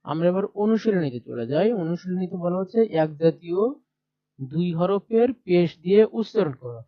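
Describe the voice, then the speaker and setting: Sharing his screen, a male teacher guides primary pupils through a textbook lesson one step at a time, voicing letter sounds again and again. His voice sits high and is expressive, delivered at a normal speed. The recording is dry and lo-fi.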